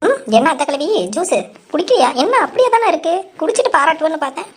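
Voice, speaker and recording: A woman voicing a quick-tongued, dramatic young daughter-in-law in a cartoon, sassy and defiant. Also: very high-pitched, big pitch swings, faint music behind. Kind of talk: cartoon voice acting.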